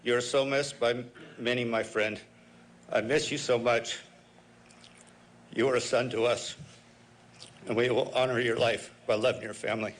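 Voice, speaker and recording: A man's voice: mid-range voice, steady tone, moderate pace, long pauses. A man giving a grieving memorial eulogy, speaking directly to a lost friend. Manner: grieving, addresses the deceased directly.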